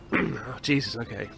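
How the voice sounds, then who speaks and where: Gravelly and sharp in tone, a medium-pitched young Brit commentates a video game for his channel while congested from a cold. The talk is casual and chatty, with occasional swearing.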